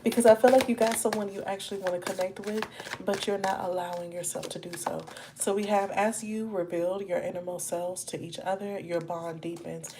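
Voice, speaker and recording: A woman's voice: medium pitch, fairly even intonation, fairly quick, background noise. Chatty woman giving a tarot reading. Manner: chatty, addresses viewers as y'all and baby. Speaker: tarot reader.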